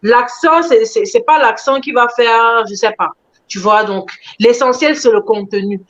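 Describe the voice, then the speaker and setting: A woman interviewed about her animation work, telling her story in an expressive, animated way. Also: a little high, unhurried. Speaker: animation creator being interviewed. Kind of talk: conversational interview answers. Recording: dull lo-fi sound.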